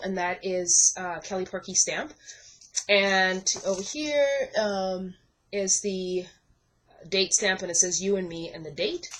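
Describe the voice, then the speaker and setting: A woman's voice: mid-range voice, fairly bright tone, rough recording. Young woman from the Bahamas, chatty scrapbook walkthrough at home, frequent fillers and restarts. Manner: chatty, many ums and self-corrections. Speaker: scrapbooking vlogger. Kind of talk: casual show-and-tell walkthrough. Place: craft desk at home.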